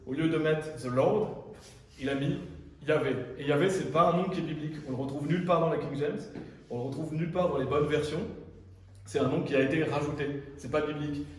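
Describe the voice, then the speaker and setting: A man's voice: fairly high pitch, steady tone, fast talker. A French-speaking man preaching a sermon in an insistent, repetitive way, often restarting his phrases. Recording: very echoey room, distant from mic.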